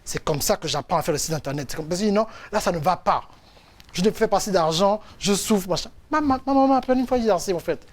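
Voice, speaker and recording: A man's voice: high-pitched, fast talker. A man from France, a coach giving a motivational faith testimony and acting out the people in his stories. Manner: animated storytelling, acts out quotes. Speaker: coach and speaker.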